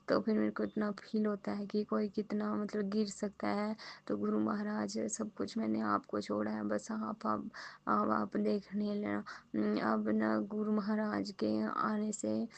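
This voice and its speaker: A woman giving an emotional personal testimony as a devotee, halting and pleading as she searches for words. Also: mid-range voice, completely flat delivery, creaky. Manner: aggrieved, pleading.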